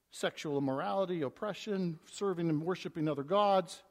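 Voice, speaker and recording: A man preaching an expository sermon, reading scripture aloud and swinging between hushed and emphatic delivery, with stumbling restarts. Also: sits high, moderate pace. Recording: long reverb of a large hall.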